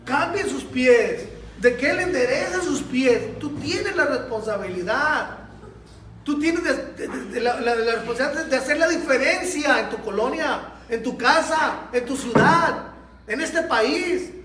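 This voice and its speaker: A man's voice: extremely high pitch, lively intonation, measured pace, pushed and bright. A man preaching a Sunday school sermon in a church, telling stories with animation and speaking straight to the congregation. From Mexico. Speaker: pastor. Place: church hall. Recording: echoey church room, mic at a distance.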